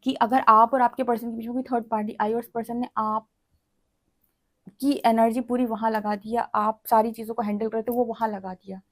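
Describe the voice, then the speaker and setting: A woman giving a tarot reading in a direct, lecturing way, often checking in with the listener. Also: on the high side. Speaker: tarot reader.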